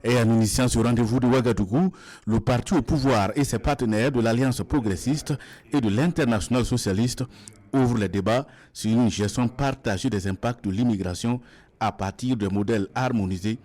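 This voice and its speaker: A man narrating a scripted TV news report in a steady, formal tone. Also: mid-range voice, a little fast.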